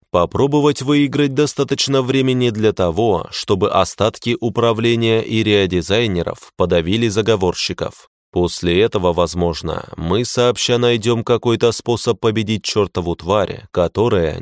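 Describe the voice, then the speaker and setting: A man reading a fantasy audiobook in a measured, grim first-person narration. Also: low voice, dry recording, clean studio sound.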